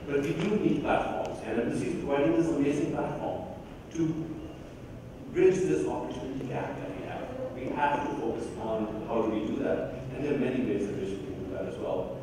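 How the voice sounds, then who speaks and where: A man's voice: mid-range voice, fast talker, noisy background. Earnest man speaking in an echoey hall. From Pakistan. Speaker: panelist. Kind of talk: panel discussion remarks. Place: large hall at an embassy event. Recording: echoey hall, mic far off.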